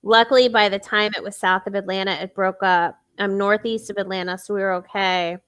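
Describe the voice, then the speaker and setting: A woman's voice: medium pitch, level tone, a little fast, fairly bright tone, clear, resonant tone. A woman co-hosting a casual podcast, chatting with many fillers and restarts. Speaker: podcast co-host. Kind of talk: casual chat.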